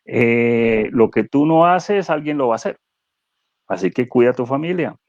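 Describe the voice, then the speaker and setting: A man speaking as a guest neuro-coach in a conversational webinar, animated and explanatory, asking rhetorical questions. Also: mid-range voice, normal speed, no room sound, muffled recording.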